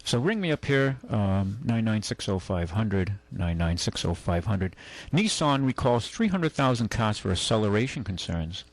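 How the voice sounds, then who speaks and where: A low, gravelly male host runs an AM call-in radio show from a studio, reading news and chatting casually. He's very animated but halting, rambling and stumbling a bit. The close studio mic sounds really dry with no room sound, and the audio quality is poor.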